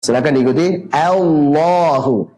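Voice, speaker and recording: A man teaching Quran recitation rules online, asking questions and answering them himself, with slow drawn-out recited examples. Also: on the high side, darkish tone, poor audio.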